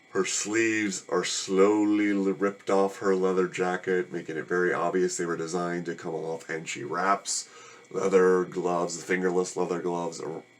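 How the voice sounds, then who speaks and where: A man casually reviewing a movie, rambling in a weary, sarcastic and annoyed way. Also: low voice.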